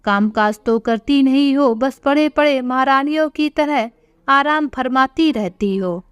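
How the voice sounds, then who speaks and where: A scheming young daughter-in-law with a sharp, taunting tongue, voiced slowly in a high register by a woman narrator. It is a storybook figure in a close, dry recording. The delivery is deliberate and unhurried. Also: smooth, no echo, highs cut off. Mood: scolding.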